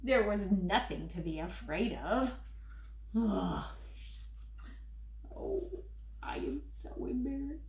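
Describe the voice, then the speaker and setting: A woman's voice: lowish voice, big pitch swings, extremely slow, long pauses, a little mellow, full character voice. Grover, a woman doing a frantic furry monster. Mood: sheepish. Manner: frantic, begging, gasping. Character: lovable furry male monster, fretful and pleading. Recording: roomy echo.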